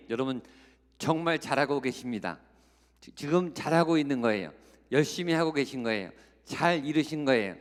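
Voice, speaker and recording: A man preaching a Korean sermon as a guest revival speaker, exhorting the congregation with rhetorical questions and acting out quoted voices. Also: mid-range voice. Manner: acts out quoted voices in the telling. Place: large church sanctuary. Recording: long hall reverb of a church sanctuary.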